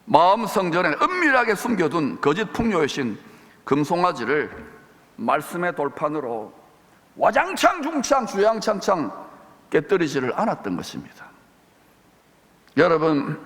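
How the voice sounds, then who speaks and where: Emphatic high-voiced male pastor. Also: fairly bright tone, big-room sound. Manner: emphatic, proclaiming declarations. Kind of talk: sermon. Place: church sanctuary.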